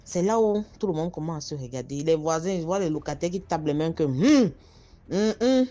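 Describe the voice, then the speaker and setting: A woman recounts her own experience in a casual, lively way, turning to her listeners to make them picture it. Her voice sits low and sounds dark and mellow. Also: a little fast. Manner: talks straight to listeners, vivid and animated. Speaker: storyteller. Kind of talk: casual first-person storytelling.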